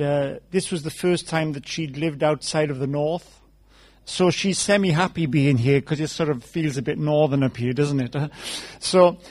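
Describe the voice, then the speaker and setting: Welsh man preaching a storytelling sermon. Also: on the high side. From South Wales. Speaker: guest preacher. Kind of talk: conversational sermon.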